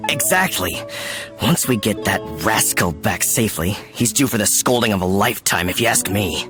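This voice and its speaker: A man's voice: on the low side, lively intonation, normal speed, over music, close to an everyday voice. A man voicing a worried, grumbling villager in a video game, earnest and folksy. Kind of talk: video game character acting.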